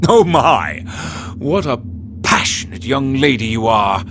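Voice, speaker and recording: An actor playing a flamboyant gentleman thief in a video game, smug and teasing, with florid, theatrical phrasing. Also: mid-range voice, big pitch swings, slow pace, a little hiss or hum. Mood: amused, theatrical.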